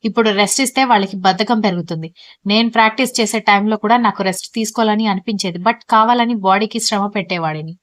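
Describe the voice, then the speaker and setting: A man's voice: high-pitched, fast, fairly bright tone, no room sound. A woman narrator voicing a playful, boastful young husband who coaches athletes, in an audio story.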